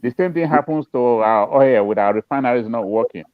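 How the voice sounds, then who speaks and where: A man of medium pitch argues his view earnestly in a panel discussion, repeating points for emphasis. The sound is narrow and phone-like, with little room echo. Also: a little fast. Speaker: panelist, film industry practitioner. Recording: thin phone-like line, dry.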